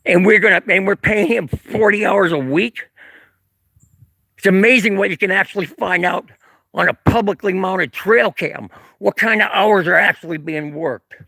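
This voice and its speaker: A man's voice: high voice, moderate pace, creaky, pushed and bright, no room sound. A man livestreaming outdoors from a street corner with a handheld camera, ranting angrily and profanely between sarcastic chuckles while reading chat comments. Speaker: livestreamer filming local police. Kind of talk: live-streamed rant reading chat comments.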